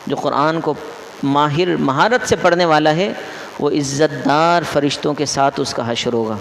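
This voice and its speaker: High gravelly man teaching in echoey mosque. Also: slight background noise. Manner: quizzes listeners, repeats each rule. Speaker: mufti teaching Quran recitation rules. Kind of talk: classroom lesson. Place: mosque hall. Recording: echoey hall with long reverb.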